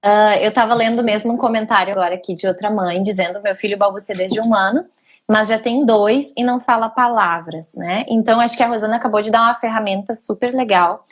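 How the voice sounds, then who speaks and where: A woman's voice: medium pitch, steady tone, a little fast. A woman hosting a live stream, reading viewer questions aloud and affirming her guest. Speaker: live host.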